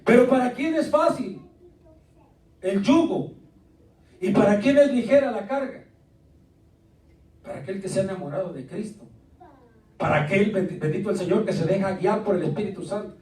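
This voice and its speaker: A man preaching a lively, joking sermon as pastor, calling out questions to his congregation. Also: high-pitched, normal speed, pauses often. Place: church sanctuary. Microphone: distant from the mic. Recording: echoey church recorded from a distance.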